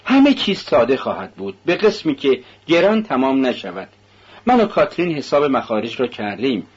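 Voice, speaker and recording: A man reading a novel aloud, voicing a shy, poor eighteen-year-old girl in a raised, husky voice. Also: mid-range voice, big pitch swings, highs cut off. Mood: timid.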